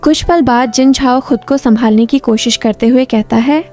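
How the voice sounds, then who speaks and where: Female recap narrator, slightly high voice, smooth and even scripted storytelling. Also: moderate pace, faint music behind.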